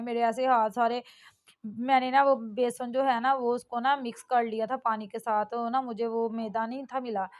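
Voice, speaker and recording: A middle-aged woman from Pakistan, talking casually and rambling through a home cooking vlog. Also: fairly high pitch. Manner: chatty and rambling, with frequent fillers and laughs at herself. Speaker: vlogger.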